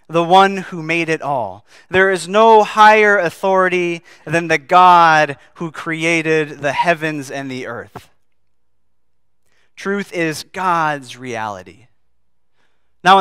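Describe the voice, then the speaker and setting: A man preaching an earnest sermon to his congregation, his voice bright and forceful. The sound is crisp and resonant, recorded dry and close with no room echo. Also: high voice. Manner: earnest, asks the congregation questions. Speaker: pastor. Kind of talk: sermon with scripture reading.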